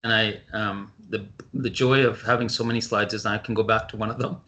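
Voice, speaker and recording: A male physician giving a webinar talk over a video call, explaining briskly with frequent ums and restarts. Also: fairly low pitch, fairly even intonation, sharp tone. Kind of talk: webinar presentation.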